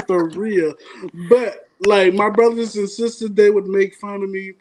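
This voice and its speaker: Guy with a high voice telling a story on a podcast, animated, keeps laughing. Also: takes it slowly, low-quality recording. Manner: animated, laughs often, acts out quotes. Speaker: podcast co-host. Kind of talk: casual storytelling chat.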